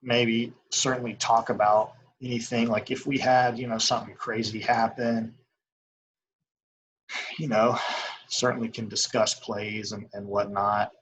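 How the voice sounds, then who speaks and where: A young man in a casual interview as an umpire, talking in a rambling, halting way full of filler phrases. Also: lowish voice, level tone, a bit bright, poor audio. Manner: rambling, halting, frequent "you know". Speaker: baseball umpire as interview guest. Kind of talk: casual chat.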